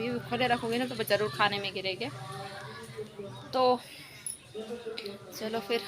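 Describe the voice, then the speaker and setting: A woman talking casually to her viewers in a home vlog, chatty and pleading for likes. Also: a little high. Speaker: vlogger.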